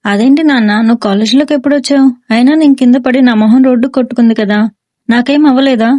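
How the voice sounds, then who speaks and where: A woman's voice: on the high side, quick pace, mellow, no echo, lightly acted. A woman voicing a lazy, sleepy young man who whines and complains to his father, in a storybook reading. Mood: whiny.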